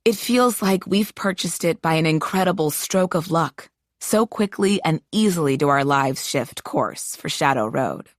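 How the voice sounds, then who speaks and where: A woman narrating a novel in the first person, in a measured, expressive way, close to the mic. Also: low voice, dry recording. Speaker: audiobook narrator.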